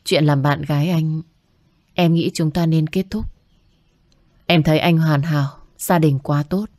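A woman voicing a humble young medical student who speaks politely and pleads softly, recorded dry. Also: sits low, steady tone, unhurried, dry recording. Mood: earnest.

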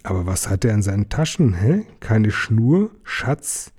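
A man's voice: fairly low pitch, big pitch swings, measured pace, darkish tone, breathy edge, exaggerated voice. A man voicing Gollum, a slimy, sly and greedy male cave creature who hisses and repeats himself. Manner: hissing, repeating himself, whining. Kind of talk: audiobook character voice.

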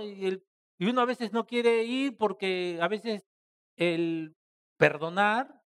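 A man preaching a church sermon, asking rhetorical questions and addressing the congregation as brothers, swinging between loud stressed phrases and soft trailing endings. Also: high-pitched.

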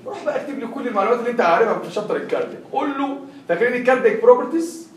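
His pitch is extremely high and sing-song, and he talks very fast while tutoring a classroom, peppering the students with constant questions. This young man has an Egyptian Arabic accent, and he sounds distant in an echoey room with slight background noise.

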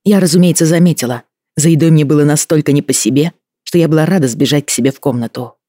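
A man reading a novel aloud as scripted first-person narration, in a measured, even manner. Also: a little high, no room sound, clean studio sound. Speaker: audiobook narrator.

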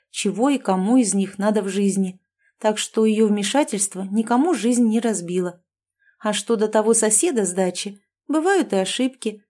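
A woman narrating a novel as an audiobook. Her reading is expressive and lively, in a mellow, dark tone at a middle pitch.

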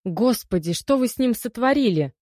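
A woman's voice: on the low side, fairly quick, darkish tone, no room sound, studio quality, close to an everyday voice. A woman reading the part of a commanding female investigator questioning a suspect, in a raised, firm voice.

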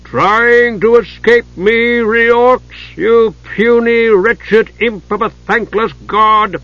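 A man voicing a huge, mocking male fire giant, the father of chaos, with a slow, booming, taunting delivery. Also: fairly even intonation, dry recording, highs cut off. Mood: menacing.

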